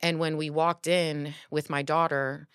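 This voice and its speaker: Low-voiced woman telling her story. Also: unhurried, clean tone, no room sound, studio quality. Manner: earnest, animated, many filler words. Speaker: podcast guest. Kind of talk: casual conversational storytelling.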